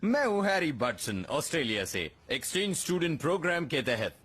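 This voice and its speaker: A man voicing a cheerful young male exchange student in an anime film dub, with a breathy, husky voice and playful, swooping delivery. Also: fairly high pitch, sing-song, fairly quick, fairly bright tone, full character voice. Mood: breezy.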